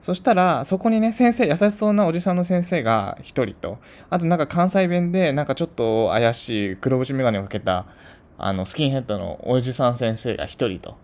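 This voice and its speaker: A man's voice: mid-range voice, animated, a little fast, darkish tone. A man from Tokyo telling a casual story to his channel in a chatty, rambling way full of asides. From Tokyo, Japan. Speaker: channel host.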